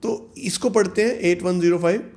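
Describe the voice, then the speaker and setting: A man, a visa consultant explaining rules in a video, reading the text slowly and then explaining it in Hindi. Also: high-pitched, darkish tone.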